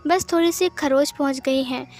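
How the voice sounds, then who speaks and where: A woman voicing a gentle, wounded older man who speaks softly, reassuring and teasing. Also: sits high, moderate pace. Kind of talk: Hindi fan-fiction reading.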